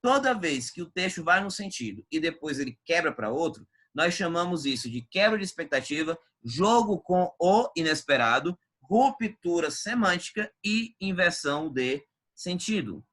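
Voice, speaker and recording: A man's voice: on the high side, very animated, moderate pace, hardly any pauses, fairly bright tone. A male Portuguese teacher, giving an emphatic, chatty exam-prep video lesson.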